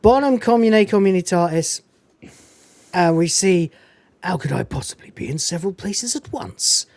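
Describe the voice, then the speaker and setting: A podcast host with a high-pitched voice reviews a film casually at a moderate pace, in a dry recording. He talks animatedly, swears now and then, and quotes lines from the movie in put-on voices.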